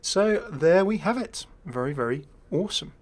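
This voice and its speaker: A YouTube gaming creator with a slightly high, animated voice talks through a game update at normal speed. He's chatty and enthusiastic, quick to laugh as he gives his casual commentary.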